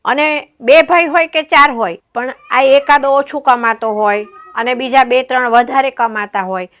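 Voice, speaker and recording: A woman's voice: high-pitched, moderate pace, a bit bright. A woman giving her opinions in a casual discussion about family quarrels. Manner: opinionated, explaining.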